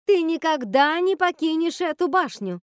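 A woman's voice: fairly high pitch, expressive, normal speed, darkish tone, no echo, close to an everyday voice. A woman voicing a theatrical witch mother who speaks in a syrupy, sing-song, melodramatic way. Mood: shrieking. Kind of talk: audiobook character voice.

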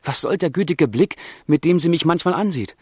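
In a German literary radio drama, an actor voices a passionate, tormented young man of feeling who writes letters to his beloved, delivering monologue and dialogue in formal, intense language. His slightly high voice is animated, a little fast and breathy-edged, with a clean studio sound and no room sound. The mood is anguished and passionate.

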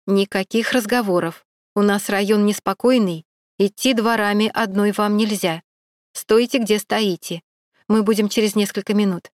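A woman's voice: mid-range voice, steady tone, moderate pace, no echo, clean studio sound, lightly acted. A woman voicing a firm woman on the phone.

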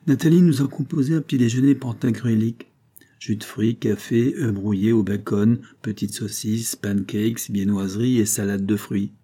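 Man narrating a novel, low, dark, husky voice, measured first-person read. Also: steady tone. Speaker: audiobook narrator.

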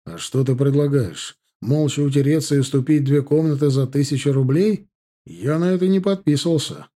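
A man's voice: medium pitch, animated, moderate pace, warm tone, lightly acted. A man as an exasperated grown son. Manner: irritated, pleading. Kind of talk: audiobook character voice.

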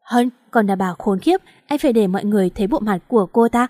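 A woman's voice: mid-range voice, quick pace, mellow, dry recording, clean studio sound, natural voice. A woman voicing a heartbroken young husband who speaks bitterly and accusingly, choked with regret. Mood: remorseful.

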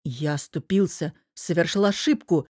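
A woman's voice: lowish voice, moderate pace, dry recording, studio quality, lightly acted. A woman voicing an angry, domineering businessman husband who growls and presses hard. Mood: stern. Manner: growling, forceful.

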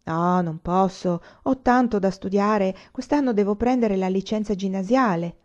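A woman voicing a proud, touchy young male student who speaks lively and sometimes haughtily, in a storybook reading. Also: mid-range voice, normal speed, close to an everyday voice. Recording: slightly muffled recording.

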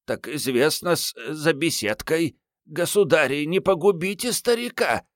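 A male audiobook reader voicing a frightened, servile old house steward who wheezes and pleads slowly. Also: on the high side, animated, no echo, studio quality, pitched above the performer's own voice. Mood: frightened pleading.

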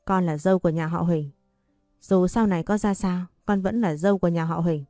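A woman voicing a calm, shrewd and caring old nanny in a spoken story. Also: fairly low pitch, a little fast, dry recording, studio quality, faint music behind, lightly acted. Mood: tender. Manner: calm and cutting.

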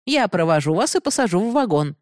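A woman's voice: on the low side, very animated, fast, no echo, clean studio sound, voice pushed up. A woman voicing a stern, upright young man who lectures firmly and holds back his feelings. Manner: firm, lecturing.

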